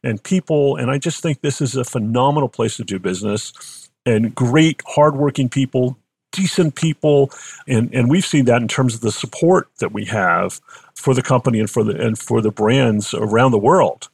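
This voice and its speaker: Older man, Boston accent, husky voice, dry close sound, conversational interviewee, discursive, emphatic repetition. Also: mid-range voice, moderate pace, a little mellow, no room sound. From Boston, United States. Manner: discursive, repeats phrases for emphasis. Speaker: company founder being interviewed.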